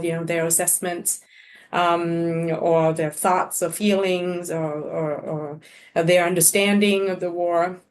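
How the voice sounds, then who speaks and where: A woman from Vietnam, a native Vietnamese speaker, talks as a panel scholar on a video call. Her voice sits low, and she speaks hesitantly, with frequent fillers and restarts. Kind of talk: webinar panel talk.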